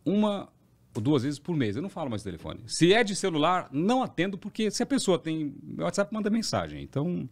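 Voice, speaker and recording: A middle-aged Brazilian man with a Brazilian Portuguese accent chats as a podcast guest. His pitch swings widely and he talks fast. He tells his stories in an animated way. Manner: animated anecdotal storytelling, acts out voices of others. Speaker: TV presenter guest. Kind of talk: casual podcast chat.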